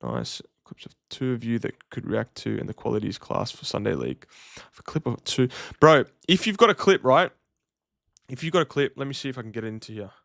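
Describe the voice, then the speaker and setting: A man's voice: medium pitch, sing-song, a little fast, gravelly, fairly bright tone, dry recording, clean studio sound. A man, chatting casually to livestream viewers in a slangy, matey way. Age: 30s. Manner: laid-back slangy, matey address. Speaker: livestream host.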